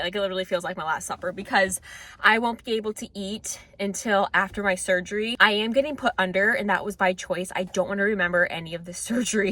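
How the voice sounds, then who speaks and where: A woman's voice: medium pitch, fairly bright tone. A woman talking casually and directly to viewers in an informal, chatty vlog style. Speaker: vlogger.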